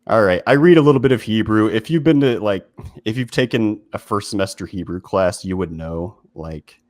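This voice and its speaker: A man's voice: lowish voice, moderate pace, darkish tone, no echo, studio quality. A man hosting a video essay in casual commentary, talking informally with lots of fillers and restarts.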